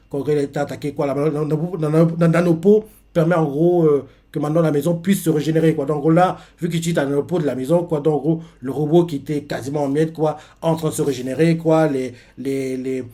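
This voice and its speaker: A man's voice: fairly high pitch, dark tone. A man casually recapping a manga chapter, rambling with lots of fillers and repeated words. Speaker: manga reaction youtuber.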